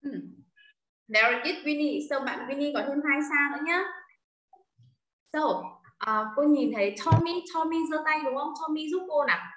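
High bright woman teacher, encouraging. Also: normal speed, roomy sound, rough recording. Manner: encouraging, praising pupils. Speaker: Vietnamese teacher for children. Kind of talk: online class teaching, mixing English and Vietnamese. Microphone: video call.

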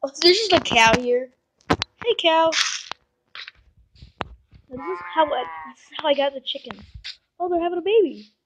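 A woman's voice: very high voice, animated, moderate pace, long pauses, noisy background. A woman giving casual, rambling commentary on her game and coaxing the animals in it, recorded on a phone mic. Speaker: gameplay vlogger.

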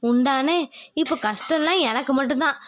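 A woman's voice: high voice, moderate pace, a little hiss or hum, close to an everyday voice. A woman voicing a tired, pregnant young village wife in a cartoon, complaining but polite. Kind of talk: cartoon voice acting.

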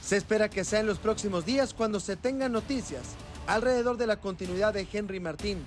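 A man's voice: high-pitched, a little fast. A man reading a scripted sports report as voice-over. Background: music.

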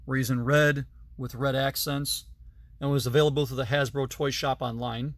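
A man's voice: medium pitch, level tone, normal speed, dry recording. A man in his thirties giving a chatty, detailed tour of his toy collection, filmed on a handheld phone in a basement. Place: basement full of toys, indoors. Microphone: phone camera held at arm's length.

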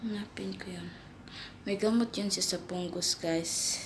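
A woman's voice: medium pitch, measured pace, noisy background. A woman making a casual home vlog as a nanny, coaxing a pet cat in sing-song baby talk. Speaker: nanny vlogger. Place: home indoors.

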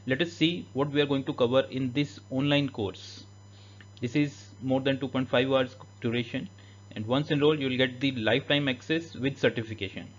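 A man's voice: mid-range voice, steady tone, normal speed, dull audio. A man giving a voice-over overview of an online engineering course, listing topics steadily with frequent fillers.

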